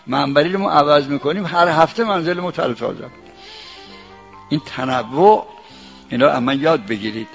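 A man's voice: a little high, vocal fry, long pauses. An older man, a cleric giving a folksy sermon with homely examples and chanted verse, on a dull lo-fi recording with faint music.

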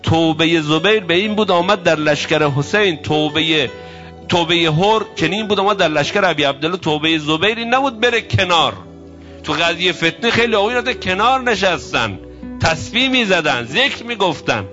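A male preacher delivering a sermon, telling stories and voicing the people in them, at times dropping into a hushed, grieving tone. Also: high voice, expressive. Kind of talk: religious sermon from the pulpit. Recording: dull lo-fi recording with faint music.

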